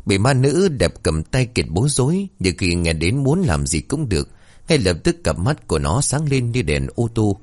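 A male storyteller reads a comic ghost tale in a colloquial, lively manner. His voice is deep. His pitch rises and falls widely as he goes. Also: moderate pace.

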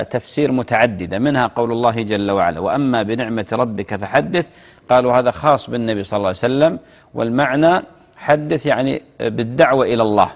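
A television sheikh with a mid-range voice answers viewers' religious questions, and the sound carries the echo of a big room. He gives measured explanations and chants example phrases.

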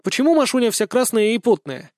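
A man's voice: very high voice, big pitch swings, quick pace, no room sound, clean studio sound, voice pushed up. A man reading an audiobook, voicing a shy, modest young girl bringing news. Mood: timid. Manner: soft, modest.

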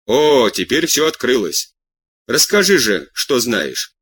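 A man voicing a gruff, blunt middle-aged farmer with curt, impatient questions. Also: mid-range voice, very animated, slow, fairly bright tone, exaggerated voice.

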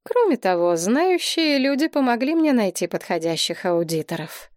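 A composed young heiress, voiced by a woman reader who speaks firmly and deliberately. Her voice sits slightly above the narration and is recorded dry. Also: fairly high pitch, very animated, a little mellow, no room sound, pitched above the performer's own voice.

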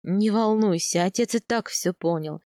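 A woman's voice: mid-range voice, moderate pace, mellow, dry recording, studio quality, natural voice. A woman voicing a playful young husband from the steppe in an audiobook, bantering in an easygoing way. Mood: teasing. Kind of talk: audiobook character voice.

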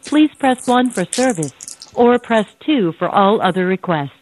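A woman's voice: mid-range voice, expressive, unhurried, darkish tone, no room sound. A woman's recorded phone message, reading polite, scripted prompts for a phone menu. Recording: tinny phone line, dry.

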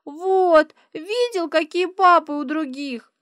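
A woman voicing a cheeky, excitable little girl with a squeaky, shrill voice in an audiobook. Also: slow pace, no echo, studio quality, exaggerated voice. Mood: excited squeal.

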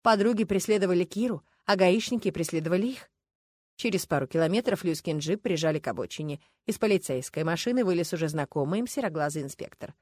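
A woman reading an audiobook in lively, ironic scripted narration. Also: lowish voice, quick pace, no echo, clean studio sound.

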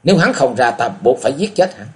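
A man's voice: mid-range voice, animated, quick pace, darkish tone, natural voice. A man reading a martial-arts audiobook, voicing a stern young male swordsman hero who speaks coldly and commands. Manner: cold, commanding. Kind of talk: audiobook character voice.

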